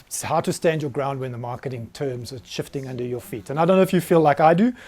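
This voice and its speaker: Man, forties, South African accent, live talk, self-deprecating, lively, room with audience. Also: medium pitch, fast talker. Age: 40s. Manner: candid, self-deprecating, energetic. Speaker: business founder giving a talk.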